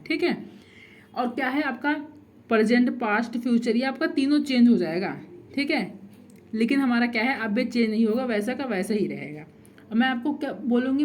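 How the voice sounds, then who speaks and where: A young woman teaching a grammar lesson, repeating herself and asking and answering her own questions. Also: a little high. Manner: frequent "theek hai" checks.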